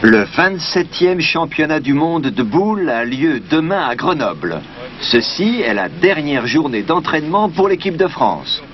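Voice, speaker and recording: A man's voice: on the high side, noisy background. A male reporter giving a scripted news narration in an informative, announcing tone. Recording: muffled old news recording.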